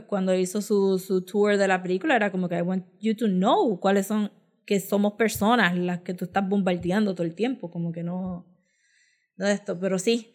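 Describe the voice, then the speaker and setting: This podcast co-host speaks with a Puerto Rican, Caribbean Spanish accent in a mid-range voice with a darkish tone. She's casual and opinionated, and she frequently slips into English.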